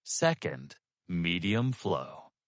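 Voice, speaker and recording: A man coaching English speaking in a scripted, emphatic lesson with weighty pauses. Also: low-pitched, sing-song, no room sound, clean studio sound.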